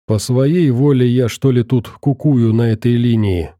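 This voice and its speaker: A man voicing a weary middle-aged bandit who reasons calmly, in an audiobook. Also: medium pitch, measured pace, no room sound, studio quality, close to an everyday voice. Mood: resigned. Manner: calm, reasoning.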